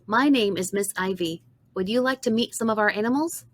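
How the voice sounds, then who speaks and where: A woman's voice: medium pitch, a little fast, lightly acted. A woman voicing a kind, welcoming animal shelter worker in a storybook reading.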